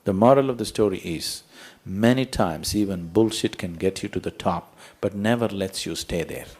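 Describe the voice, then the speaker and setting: A man's voice: sits low, normal speed, darkish tone, a little hiss or hum. A man giving a spiritual talk to an audience as a teacher, emphatic and full of rhetorical questions, telling parables.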